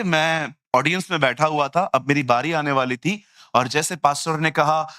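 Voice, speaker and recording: Animated preacher man with a bright voice. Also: a little high, no echo, clean studio sound. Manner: animated, acting out people and mocking them. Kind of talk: lively Hindi sermon.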